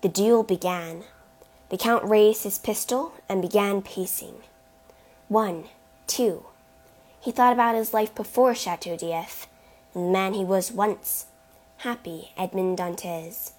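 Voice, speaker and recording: A woman narrating a chapter book in a slow, deliberate reading voice. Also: medium pitch, darkish tone. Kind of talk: storybook narration.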